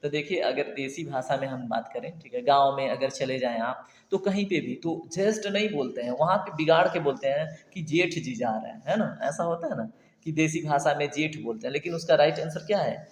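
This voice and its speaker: A man leads an exam-prep lesson in a chatty, quizzing way. His voice sits fairly high. The recording is echoey, with a long reverb tail. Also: fairly quick. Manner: chatty teacher, keeps asking "ठीक है?" and quizzing viewers. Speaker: Hindi exam tutor.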